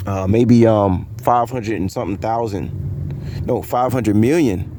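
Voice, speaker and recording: A man vlogs from his car in a low, relaxed voice that keeps circling back on itself. He speaks straight to his viewers in a loose, conspiratorial ramble, full of restarts and filler words. A faint vehicle hum sits under the talk. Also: slow pace. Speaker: vlogger. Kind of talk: casual vlog monologue.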